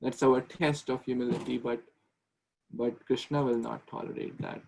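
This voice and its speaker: Man teaching an online class, gravelly. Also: mid-range voice, steady tone, moderate pace, a little mellow, a little hiss or hum, low-quality recording. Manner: conversational, repeats and restarts words, asks questions. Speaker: speaker giving a class. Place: small room indoors with ceiling fan. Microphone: video call webcam.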